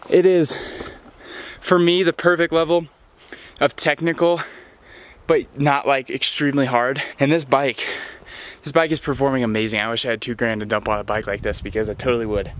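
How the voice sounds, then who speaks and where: A young man vlogging casually from a mountain bike trail outdoors, chatty and excited, rambling with fillers, at times out of breath. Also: medium pitch. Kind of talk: casual travel vlog.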